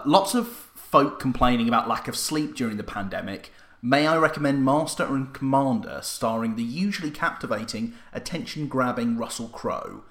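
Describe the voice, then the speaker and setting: A man's voice: mid-range voice, fairly bright tone. A man hosting a casual film podcast, talking with dry, self-mocking humor. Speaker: podcast host. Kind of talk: casual film review chat. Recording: echoey room.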